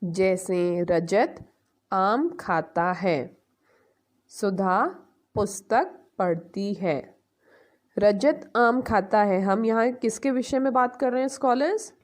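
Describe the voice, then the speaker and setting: Slow-paced woman teaching a lesson. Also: mid-range voice. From India. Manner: slow, explaining step by step, asks the class questions and answers them. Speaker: school teacher. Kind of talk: online grammar lesson.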